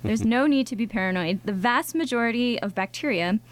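A woman co-hosting a science radio show in a studio, explaining things conversationally in a bright, curious manner. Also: on the high side, a little fast. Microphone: studio microphone.

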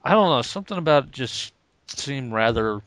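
A comic book podcast co-host chats casually about comics in a mid-range, slightly bright voice with lively intonation at a normal pace. He sounds hesitant and laid-back, saying "um" a lot, and there's no echo.

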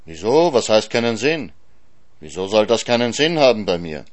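A man's voice: lowish voice, big pitch swings, moderate pace. A man voicing a greedy, moaning male hyena in a storybook reading, with a plaintive, pleading tone.

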